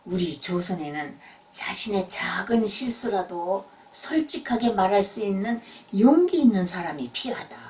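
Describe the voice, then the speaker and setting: Woman as noble king, storybook, solemn, admiring, regal phrasing, animated intonation. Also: medium pitch, recorded from a distance, lightly acted. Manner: solemn, declarative royal speech. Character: dignified, admiring king of old Joseon.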